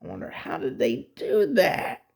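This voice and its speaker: A man's voice: a little high, sing-song, unhurried, gravelly, a little mellow. A man co-hosting a casual pop culture chat, answering with short dry reactions and quips. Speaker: co-host.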